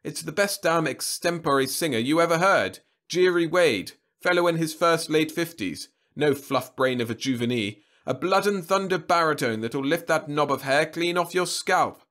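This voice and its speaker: A man voicing a gruff, sarcastic old male doctor with a savage edge. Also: on the high side, moderate pace, hardly any pauses, a bit bright, voice pushed up, lightly acted. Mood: coaxing.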